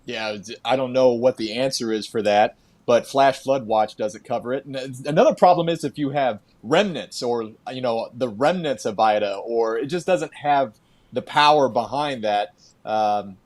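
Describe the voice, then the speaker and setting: A man's voice: medium pitch, normal speed. A man hosting a podcast, asking questions and commenting in a conversational interview style. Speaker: podcast host.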